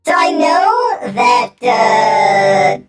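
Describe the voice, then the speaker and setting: A woman's voice: fairly high pitch, sing-song, extremely slow, raised voice. A woman game streamer giving casual commentary as she plays and reads game text aloud. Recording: echoey room, faint game music behind.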